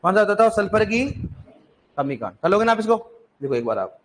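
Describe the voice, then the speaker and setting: A man's voice: sits high, very animated, brisk, fairly bright tone, slight background noise. A male agriculture teacher lecturing a classroom in with a tinge, quizzing students and repeating key answers, joking now and then.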